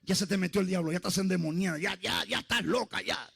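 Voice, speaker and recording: A preacher voicing a taunting male demonic voice, low and insistent, repeating its accusation. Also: fast talker, vocal fry, fairly bright tone, husky, heavily acted.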